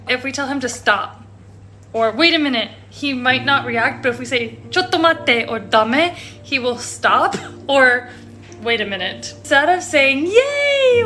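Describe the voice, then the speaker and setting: A woman's voice: high-pitched, fairly bright tone. A young woman and mother chatting casually in a vlog, amused, listing things about her toddler. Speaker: mother vlogger.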